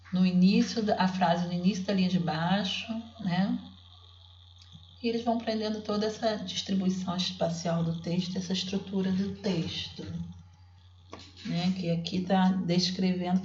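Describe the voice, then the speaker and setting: A woman teacher with a lowish voice walks through her classroom method step by step, stretching out syllables patiently. The recording is dull and roomy, as if made at home with a basic device. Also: darkish tone. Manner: patient, explanatory, spells out syllables slowly. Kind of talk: explaining classroom literacy work.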